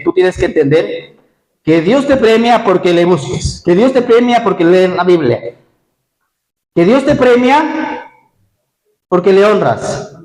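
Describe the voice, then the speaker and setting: A male pastor preaching a lively sermon, asking his congregation questions directly. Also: high-pitched. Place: church hall; Spain. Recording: echoey church hall.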